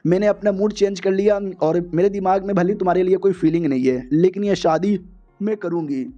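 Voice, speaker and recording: A man's voice: high-pitched, a little fast, dark tone, dull audio, faint music behind, lightly acted. A man voicing a proud, stubborn young heiress who talks in a bossy, teasing way, in a comic manga recap. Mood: defiant.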